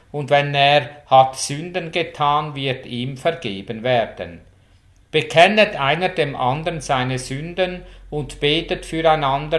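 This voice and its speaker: A man preaching a sermon, reading scripture quotes in a measured, solemn way. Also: medium pitch, a bit bright. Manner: measured, solemn, reads Bible quotes with rising fervor.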